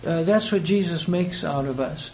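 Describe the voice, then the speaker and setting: An older American man from the United States, his voice fairly high and darkish, delivers a conversational sermon at a normal pace. As a preacher telling personal anecdotes, he rambles and hesitates, chuckling between phrases. Background noise is clearly audible.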